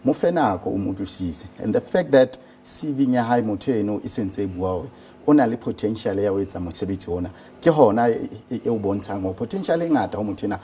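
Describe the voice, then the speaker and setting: Casting: man with Sotho accent from South Africa, interview guest, stuttering repetitions, rapid bursts, dark soft tone. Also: fairly low pitch, lively intonation, slight background noise. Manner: halting, with repeated words and stutters. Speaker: organisation founder being interviewed. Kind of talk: studio news interview answers.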